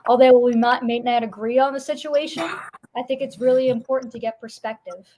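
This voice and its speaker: A woman's voice: on the high side, steady tone, a little fast, mellow, a little hiss or hum. A woman hosting her live stream in casual chat, chatty and agreeable. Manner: chatty, agreeable, lots of yeahs.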